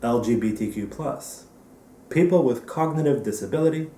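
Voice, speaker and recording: A man hosting a virtual awards ceremony from home, delivering a dry, deadpan comedic monologue. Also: mid-range voice, normal speed, roomy sound, recorded from a distance, a little hiss or hum. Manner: dry, deadpan topical jokes. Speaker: festival director hosting an awards show.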